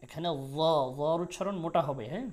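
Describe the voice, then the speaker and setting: A man teaching Quran recitation, repeating syllables slowly and explaining pronunciation in quick asides. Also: a little high, darkish tone. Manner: melodic Quran recitation with drawn-out vowels. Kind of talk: spelled-out recitation lesson.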